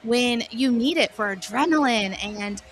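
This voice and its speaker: A woman's voice: fairly high pitch, unhurried. A woman in her thirties or forties, a wellness guest on a radio interview, talking in an earnest, faith-based coaching way.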